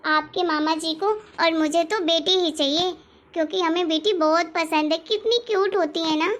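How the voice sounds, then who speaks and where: A woman voicing a gentle, reassuring young mother-to-be in an animated family story. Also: very high-pitched, moderate pace. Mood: tender. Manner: soft, reassuring. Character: gentle expectant young aunt, hopeful for a daughter.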